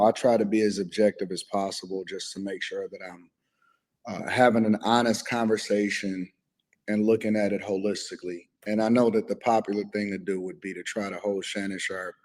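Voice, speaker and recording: A man giving measured, deliberate commentary. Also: on the low side, steady tone, a little mellow, long reverb tail.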